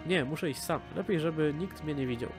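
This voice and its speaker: A man's voice: on the high side, a little fast, lightly acted. Man reading as a proud old elf advisor. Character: old male elf advisor, former spy, boastful. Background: game music.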